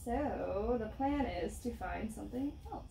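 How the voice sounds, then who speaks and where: A woman's voice: fairly high pitch, expressive, a little slow, gravelly, dark tone, a little hiss or hum. A woman chatting casually to camera while painting, giggly and self-mocking. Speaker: vlogger. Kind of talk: casual home vlog.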